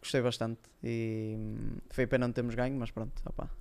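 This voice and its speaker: Reminiscing casually as a podcast guest, this former esports player talks a little fast, feeling his way through loose, hesitant phrasing. He's a man with a European Portuguese accent and a clear, smooth voice held very even in pitch.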